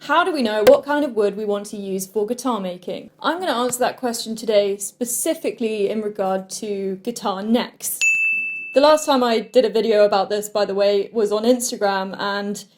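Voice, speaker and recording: A woman's voice: mid-range voice, normal speed, background noise. A British woman, a guitar maker, explaining wood in a chatty, lightly joking lesson.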